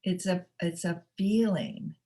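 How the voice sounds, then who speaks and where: A middle-aged woman hosting a spiritual webinar, talking unscripted in a soft, halting way with many fillers and restarts. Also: fairly low pitch, steady tone. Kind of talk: unscripted teaching talk. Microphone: webinar microphone.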